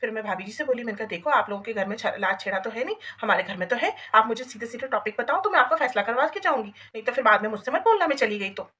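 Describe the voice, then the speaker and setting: A woman from Rajasthan rattles through a comic story as if chatting with a neighbour over the wall. Her voice sits fairly high and she talks very fast, in a gossipy, animated village storyteller's way. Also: poor audio. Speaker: comedy vlogger. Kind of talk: comic monologue addressed to a neighbour.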